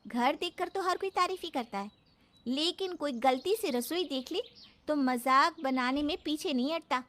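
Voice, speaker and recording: A woman's voice: high voice, normal speed, fairly bright tone, slight background noise. A woman voicing a young daughter-in-law who complains politely in a cartoon story. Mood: pleading.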